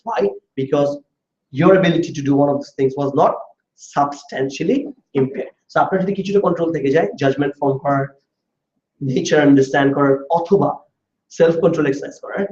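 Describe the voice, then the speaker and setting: Guy teaching law, higher voice, roomy dull lo-fi class recording. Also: warm tone. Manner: questioning students, explaining step by step. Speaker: law tutor. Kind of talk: classroom lecture.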